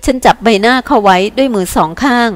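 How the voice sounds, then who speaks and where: A woman's voice: on the high side, quick pace. A woman narrating a novel in the first person for an audiobook, with emotional storytelling.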